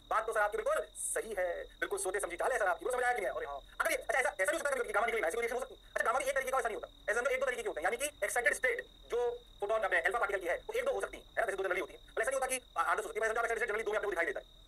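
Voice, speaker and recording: Guy teaching physics super fast, high bright voice, hypes himself up. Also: rough recording. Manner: animated, answers his own questions as the class. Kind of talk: lecture.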